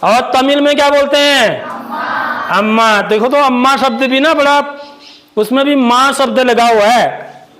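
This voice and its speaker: A male school teacher in a classroom, teaching children and quizzing the class, repeating each word slowly. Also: extremely high pitch, background noise. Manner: asks the class questions and repeats words slowly.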